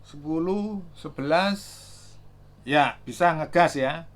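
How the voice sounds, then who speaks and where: Slow-talking man demoing gadgets. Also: on the high side. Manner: thinks aloud, reads out numbers, many fillers. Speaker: gadget reviewer. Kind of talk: casual product demo.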